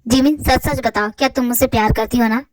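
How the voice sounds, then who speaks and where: A woman's voice: on the high side, steady tone, fast talker, slight background noise, pitched below the performer's own voice, close to an everyday voice. A woman doing a bossy, jealous young boyfriend. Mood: stern. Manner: bossy, jealous, curt commands. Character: cold, possessive young boyfriend. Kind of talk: Hindi fan dub, one reader voicing all.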